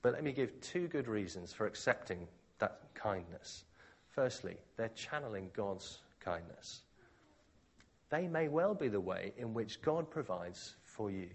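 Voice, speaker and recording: A man's voice: measured pace, slightly rough. A man preaching a sermon, expounding scripture in a conversational, expository way. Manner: conversational, expository, with lively pitch.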